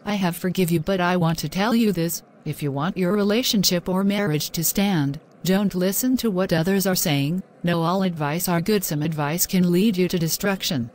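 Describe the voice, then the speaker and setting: A woman's voice: on the low side, moderate pace, hardly any pauses, a little mellow, a little hiss or hum, close to an everyday voice. A woman voicing a long-suffering, devout young wife who pleads and prays. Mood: firm. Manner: pleading, prayerful. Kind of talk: animated drama voice acting.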